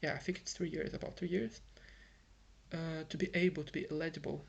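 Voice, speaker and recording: Brisk and fairly high-pitched, with a creaky, breathy edge and fairly even intonation, a young Brazilian vlogger speaks English with a Brazilian accent; Portuguese is his first language. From his home in Ireland he rambles through a frustrated casual monologue full of fillers and restarts.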